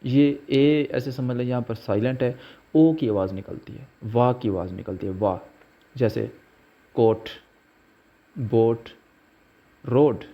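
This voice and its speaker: A man teaching pronunciation rules, slowly spelling out letters and example words. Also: medium pitch. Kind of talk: slow explanatory lesson. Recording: dull lo-fi recording.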